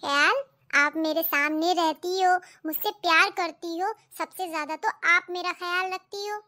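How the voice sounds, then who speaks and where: A woman's voice: very high voice, steady tone, moderate pace, pushed and bright. A woman voicing a cheerful, caring young daughter in a cartoon story. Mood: sweet. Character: cheerful caring eldest daughter, girl, teasing. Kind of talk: cartoon voice acting.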